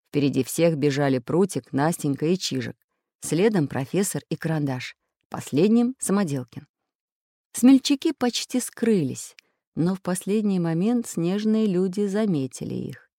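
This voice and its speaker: A man narrating a children's adventure audiobook with expressive storytelling. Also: a little high, no room sound, clean studio sound.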